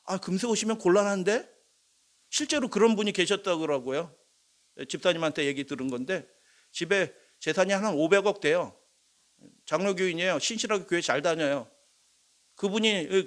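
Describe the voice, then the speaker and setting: A man with a high voice delivers a sermon, speaking directly to his congregation. He poses questions and answers them himself. His delivery swings from hushed low asides to loud, emphatic declarations. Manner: shifts between soft low asides and loud emphatic lines. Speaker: pastor.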